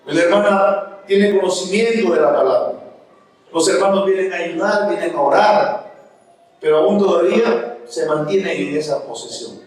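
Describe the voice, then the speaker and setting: A man's voice: high-pitched, normal speed. A man preaching a sermon to his congregation, calling them brothers. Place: church. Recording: very echoey church hall, mic far off.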